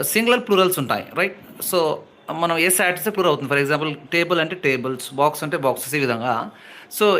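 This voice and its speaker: A man's voice: fairly high pitch, bright, forceful tone. A man teaching English phonetics for exams, patiently repeating sounds and example words and mixing English terms into his talk. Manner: mixes English terms into Telugu speech. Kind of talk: exam-prep lesson with slides.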